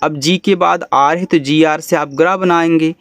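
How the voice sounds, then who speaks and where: A man's voice: a little high, steady tone, moderate pace, a bit bright, dry recording. A man with a Hindi accent teaching English reading, spelling each word out letter by letter and then explaining it patiently.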